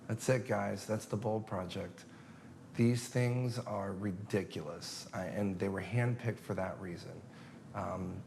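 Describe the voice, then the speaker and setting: Chatty male magician, lowish voice, breaks down a trick while performing it, faint room hum behind. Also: darkish tone. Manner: chatty and upbeat, acts out patter lines. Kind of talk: casual instructional demonstration.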